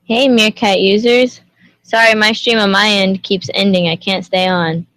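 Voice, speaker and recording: Hosting a relaxed livestream, a young woman raised in Indonesia says hello to viewers and fires off plenty of questions as she chats. She speaks at a measured pace in a steady, medium-pitched voice that's a bit bright, with no room sound.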